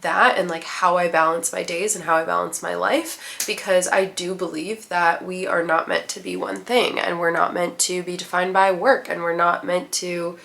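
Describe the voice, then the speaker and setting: A woman's voice: lowish voice, flat delivery, moderate pace, gravelly, few pauses, fairly bright tone. Chatty young woman with a stuffy nose. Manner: upbeat, chatty, many "like" fillers. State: nasal from a cold. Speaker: vlogger. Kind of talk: casual vlog talk to camera.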